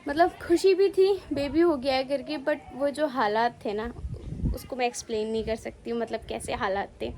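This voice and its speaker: A woman's voice: high-pitched, fairly even intonation, normal speed, a little mellow, a little hiss or hum, poor audio. A young woman vlogging and tearfully telling her own story, often repeating herself. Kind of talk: emotional personal vlog.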